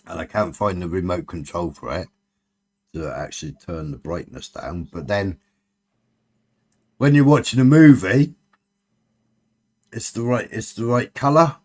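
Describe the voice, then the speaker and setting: A man's voice: sits low, a little slow, long pauses, a little mellow. A man with a Cornish accent chatting casually on a late-night livestream, bantering and swearing freely. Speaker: live stream host.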